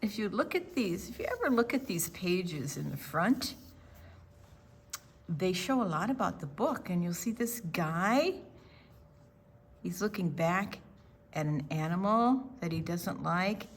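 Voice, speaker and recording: Reading aloud at a children's storytime, this older woman speaks on the low side with a breathy edge. Her delivery is deliberate and expressive, sprinkled with friendly asides and questions for the kids.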